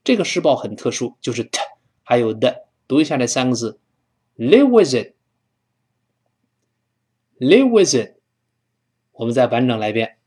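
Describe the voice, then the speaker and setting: A man whose first language is Mandarin, teaching English pronunciation, drawing out sounds slowly and repeating them for students to copy. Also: medium pitch, darkish tone. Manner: slow drawn-out demonstrations of English sounds; fillers and restarts when explaining.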